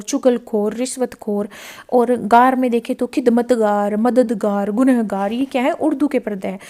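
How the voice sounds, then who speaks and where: Woman teacher, high and mellow voice, exam-prep tutorial, self-questioning, repeats key terms. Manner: explanatory, asks questions then answers them; repeats key words, mixes in English phrases. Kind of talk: exam-prep lesson explaining past paper questions.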